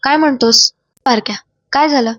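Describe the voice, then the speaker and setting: A woman's voice: high-pitched, moderate pace, a bit bright, no echo. A woman voicing a cold, scheming older matriarch giving orders in a retold TV drama. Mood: commanding.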